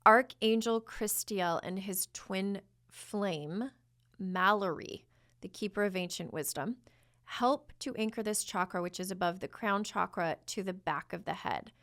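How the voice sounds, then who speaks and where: A woman's voice: mid-range voice, unhurried, a bit bright. Chatty woman host chanting invented syllables. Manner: chatty, rambling, frequent restarts. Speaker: podcast host, spiritual channeler. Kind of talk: casual spiritual guidance with channeled chanting.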